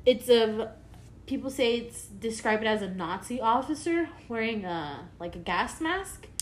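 A woman's voice: a little high, expressive, measured pace, a little hiss or hum. A woman co-hosting a casual podcast, rambling through a story with lots of filler words and the odd swear. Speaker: podcast co-host. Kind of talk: casual conspiracy chat.

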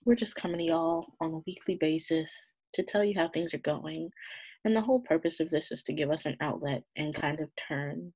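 Woman in her twenties, Southern accent, husky, fairly low voice, expressive co-host. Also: brisk. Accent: Southern American. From the American South. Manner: expressive, exclaims, mock-exasperated. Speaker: podcast co-host. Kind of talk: casual chat.

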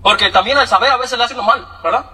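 A man from Michoacán telling a personal testimony, animated, laughing often and acting out other people's voices. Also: extremely high pitch, fast, far from the mic, poor audio. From Michoacán, Mexico. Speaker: testimony speaker.

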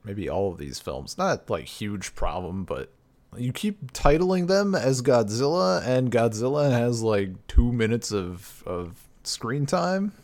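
A man's voice: mid-range voice, sing-song, slow, darkish tone. A man co-hosting a casual chat about films, laid-back and grumbling, sometimes dropping to a mutter. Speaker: podcast co-host.

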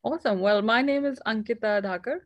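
The recording is muffled, and her voice is a little high and fairly quick. She's a young woman from India in her twenties, a company founder appearing as an earnest guest in a casual interview, often restarting her words.

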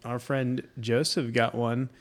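A man from New York co-hosting a podcast, easygoing and quick to laugh in casual chat. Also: mid-range voice, little pitch movement. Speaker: podcast co-host.

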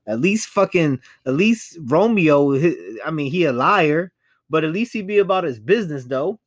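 Man with a Chicago accent, higher voice, lively swings, blunt and profane co-host. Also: normal speed. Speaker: podcast co-host. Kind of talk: casual celebrity gossip chat.

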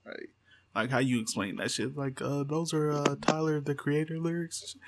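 A man's voice: on the high side, steady tone, moderate pace, background noise. A man co-hosting a podcast in loose, profane casual chat, often reading quotes aloud. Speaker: podcast co-host.

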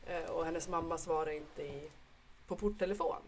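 A woman and mother, co-hosting a casual podcast chat, telling stories in a lively way and swearing now and then. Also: sits low, a little hiss or hum. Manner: lively storyteller who swears. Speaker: podcast co-host; mother of a young son.

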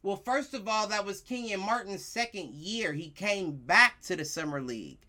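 An American woman in a heated, casual sports debate, speaking emphatically with slang, swearing and quick interjections. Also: medium pitch, sharp tone.

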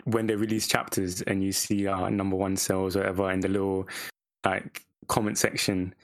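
A male podcast co-host with a fairly low voice. He talks casually in slang, circling back over words, in a dry recording. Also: level tone, brisk, no echo.

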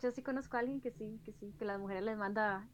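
A woman's voice: mid-range voice, fairly even intonation, fast talker, a little hiss or hum. A woman telling a story in an easygoing way during a casual chat with friends.

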